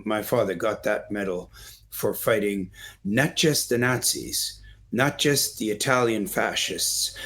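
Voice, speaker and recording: A middle-aged man with a somewhat low voice, speaking as an interview guest. He talks in a discursive, earnest way, winding through stories and walking the listener through old photos. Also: a bit bright. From Canada. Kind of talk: storytelling in an interview.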